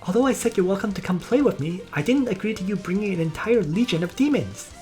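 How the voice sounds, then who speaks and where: A woman voicing an excitable young female mage who scolds, whines and gets flustered, reading game dialogue aloud. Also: medium pitch, fast, soft background music, voice pushed up, close to an everyday voice. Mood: fussy. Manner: whiny, scolding, easily flustered.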